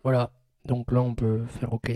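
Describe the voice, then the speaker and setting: A man hosting a casual tech tutorial podcast, informal and hesitant as he thinks aloud, with low-quality homemade sound. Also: completely flat delivery, a little slow, dark tone, no echo, studio quality. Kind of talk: casual spoken demonstration. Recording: low-quality sound from an old mixing desk.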